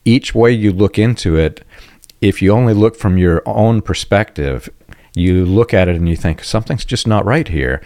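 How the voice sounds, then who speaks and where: A very low-pitched, slightly mellow American man hosts a podcast in a casual, reflective tone, clearing his throat now and then. The recording is dry and close, with no echo or room sound.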